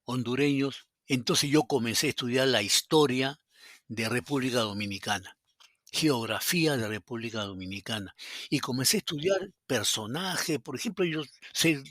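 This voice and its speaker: Peruvian male guest, storytelling, rambly with fillers, mid pitch, dry close recording. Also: normal speed, fairly bright tone, no echo. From Peru. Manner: rambling with many fillers, acts out quoted dialogue. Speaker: podcast guest, psychologist. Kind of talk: casual anecdotal storytelling.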